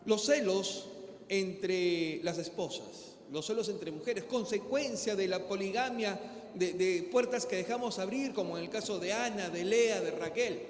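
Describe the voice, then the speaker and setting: A man's voice: sits high, a little slow, slight background noise. A man with a Peruvian Spanish accent preaching a sermon as pastor, talking conversationally and acting out little dialogues. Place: church hall. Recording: echoey hall with faint ambience.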